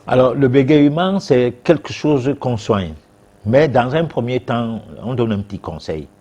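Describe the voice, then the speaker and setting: A man's voice: mid-range voice, lively intonation, measured pace, dark tone. A man, a guest expert on a TV talk show answering viewers' questions, hesitant with many fillers and restarts.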